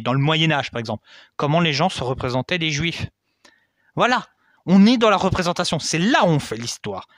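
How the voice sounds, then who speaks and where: Young male history host, high animated voice, conversational lesson delivery, dry close sound. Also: dry recording. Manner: chatty, frequent "hein" and asides. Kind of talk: casual educational explainer.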